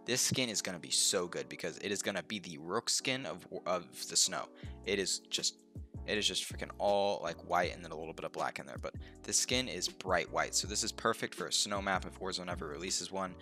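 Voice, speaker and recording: Talking briskly into a desk mic in his home room, a young man records a casual game walkthrough for his YouTube channel. His voice is low and deep, congested and slightly nasal but brightly casual, and he rambles easily, filling gaps with ums and uhs while faint music plays.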